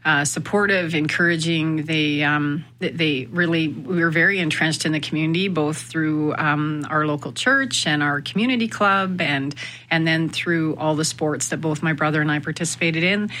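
A woman's voice: low voice, fairly even intonation, moderate pace, fairly bright tone. A woman from Canada, a guest on a radio interview, speaking reflectively with many fillers and restarts. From Winnipeg, Canada. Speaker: guest, sales executive. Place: radio studio.

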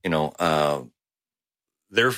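A man tells a story in a halting way, full of fillers. His voice is deep yet bright, with lively pitch, and the sound is dry. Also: no room sound. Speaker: guitarist, interview guest. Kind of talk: casual storytelling.

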